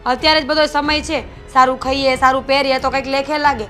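A young woman playing a stubborn, demanding newlywed wife who talks loudly and argues. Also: high voice, level tone, fast, soft background music. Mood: argumentative. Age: young adult. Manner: loud, argumentative.

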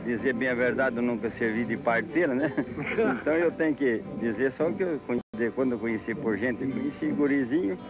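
A man's voice: medium pitch, fairly quick, low-quality recording. A man in his fifties with a Brazilian accent, chatting casually in an interview on a handheld mic. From southern Brazil. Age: 50s. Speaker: rodeo founder being interviewed. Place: outdoors at rodeo arena at night. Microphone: handheld reporter microphone. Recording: music behind, old TV tape.

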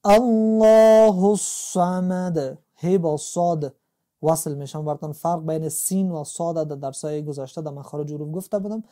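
Mellow-voiced man. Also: fairly high pitch. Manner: patient step-by-step explaining. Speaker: Quran recitation teacher. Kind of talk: tajweed lesson.

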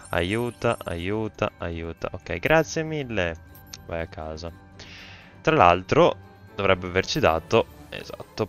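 Deep-voiced excitable man commenting on gameplay. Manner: excitable, thinks aloud, reads game text out, sudden loud exclamations. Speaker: gaming YouTuber.

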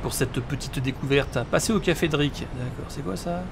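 A man's voice: fairly high pitch, moderate pace, gravelly, background noise. A man giving casual video game commentary as a let's play host. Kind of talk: casual game commentary and reading dialogue aloud.

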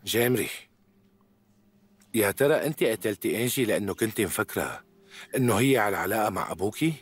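A man's voice: lowish voice, expressive, fast, slightly rough. A man dubbing a police officer who questions a suspect with blunt, pressing questions. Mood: stern. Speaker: dubbing actor. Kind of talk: Arabic dub of a TV drama.

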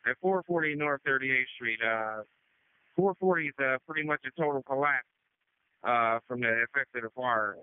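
Guy on the fire radio, halting with lots of uh's, smooth voice but tinny radio sound. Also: medium pitch, no room sound. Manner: halting, frequent uh fillers, matter-of-fact. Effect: two-way radio transmission. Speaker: fire incident commander. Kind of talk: fireground radio report. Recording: tinny dry radio channel.

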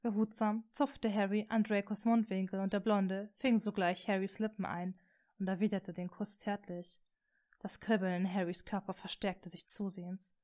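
A woman narrates a fan fiction story aloud, audiobook-style. Her voice sits at an ordinary middle pitch, and she reads calmly and evenly.

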